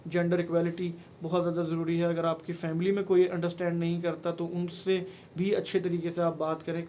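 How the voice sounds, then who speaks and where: A man vlogger with a high, slightly mellow voice gives earnest, pleading advice to the camera in a personal vlog, mixing in English phrases. A little hiss or hum is audible in the recording.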